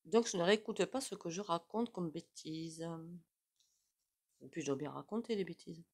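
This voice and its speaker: A woman's voice: on the low side, animated, moderate pace, slightly rough. A woman with a regional French accent giving a casual, rambling tarot reading to her viewers, with frequent "hein" asides. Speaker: tarot reader.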